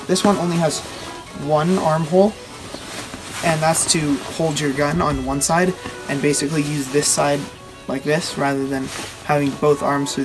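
A young man with a somewhat high voice hosts an informal demonstration. He explains things step by step in a halting, casual way while his hands are busy. He is outdoors, a short way from the camera, with music behind him. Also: poor audio. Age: teenager or young adult. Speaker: video host. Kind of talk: casual explanatory show-and-tell. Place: outdoors on a wooden backyard deck.

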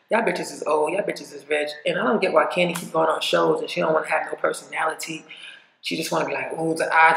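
Blunt, gravelly woman ranting. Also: sits low, echoey room, a little hiss or hum, rough recording. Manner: blunt, profane, rambling rant. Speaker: vlogger. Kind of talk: casual opinion vlog.

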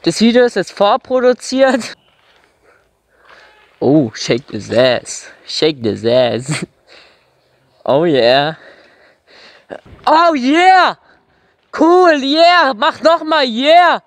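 A man's voice: very high voice, big pitch swings, extremely slow, pauses often, no echo. A young man vlogging from a bike with his microphone tucked inside his helmet, rowdy and whooping as he rides. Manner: rowdy, whooping and yelling while riding. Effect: voice from a mic inside a helmet. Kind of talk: casual vlog chat. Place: outdoors on a moving bike in the city. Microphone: microphone inside his helmet lining.

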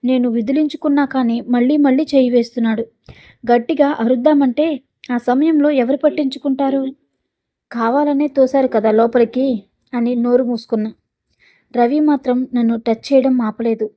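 A woman narrates a dramatic story in the first person with a steady, earnest delivery. Her voice is mellow and soft-edged, sitting fairly high for a woman. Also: normal speed.

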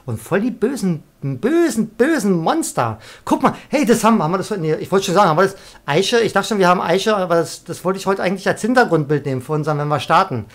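A woman live-streaming a video game, chatting excitably with viewers and often trailing off and restarting. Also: lowish voice, rapid-fire, few pauses. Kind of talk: casual live-stream chat while gaming.

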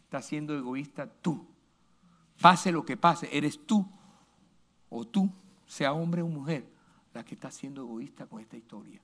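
A male pastor preaching a sermon, emphatic, moving between loud lines and hushed asides. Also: on the high side, measured pace, pauses often.

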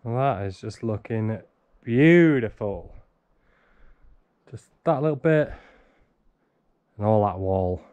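A man's voice: fairly low pitch, animated, takes it slowly, long pauses, a little mellow, dull audio. A man in his thirties filming himself with a handheld camera while stripping out a half-demolished wooden barn, chatting wryly to himself as he works. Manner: chatty, wry, talks to himself while working. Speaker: homesteader vlogger. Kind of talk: casual self-filmed commentary. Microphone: handheld action camera.

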